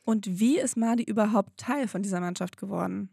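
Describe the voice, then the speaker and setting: Woman host, mid pitch, chatty questioning, dry studio sound. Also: brisk, gravelly, warm tone, slightly rough, no echo. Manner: conversational questioning, tag questions. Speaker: podcast host. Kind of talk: podcast interview.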